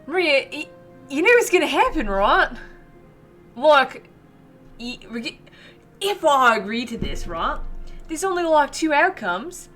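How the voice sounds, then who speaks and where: A woman's voice: high-pitched, sing-song, measured pace, long pauses, a bit bright, faint music behind. A woman playing her character in a tabletop game, flustered and laughing, rambling through her worries. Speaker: player.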